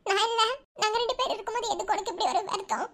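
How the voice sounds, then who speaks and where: A woman voicing a bright, quick cartoon friend. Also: very high-pitched. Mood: comforting. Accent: Madurai Tamil. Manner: coaxing, scolding gently. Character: young woman, comforting loyal friend. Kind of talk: cartoon voice acting.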